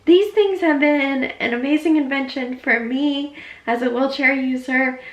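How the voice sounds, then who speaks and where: A woman's voice: high voice, measured pace. A young woman chatting casually to viewers, explaining each step of her routine at home. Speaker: vlogger. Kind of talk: casual vlog walkthrough. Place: at home, narrow laundry room and kitchen. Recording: echoey room.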